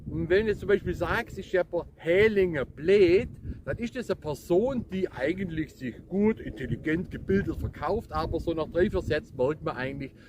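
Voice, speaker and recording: A man's voice: on the high side, animated, a little fast, few pauses, dull audio, noisy background. A man with a Swabian accent explains dialect words in casual, colloquial talk, addressing his listeners directly.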